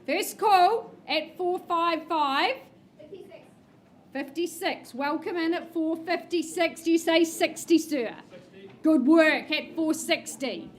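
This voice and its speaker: High-pitched New Zealand woman auctioneer, bingo-caller patter. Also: slow pace, slight background noise. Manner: bingo-caller patter, calling numbers in short bursts. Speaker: property auctioneer. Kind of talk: live auction bid-calling.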